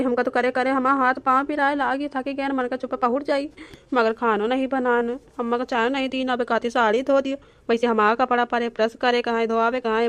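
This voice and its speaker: A cartoon's harried young son, voiced by a woman, grumbling in an Awadhi accent with quick, pitched-up complaints. The recording is close and dry, with no room sound behind the voice. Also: clear, resonant tone, no echo, natural voice. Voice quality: complaining, exasperated. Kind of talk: cartoon voice acting.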